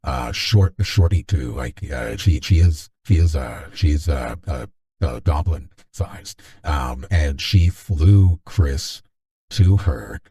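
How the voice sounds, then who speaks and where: Male stream host with a deep voice-changer voice, extremely low, rambling and joking. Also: lively intonation, slow, warm tone. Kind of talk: casual stream chat.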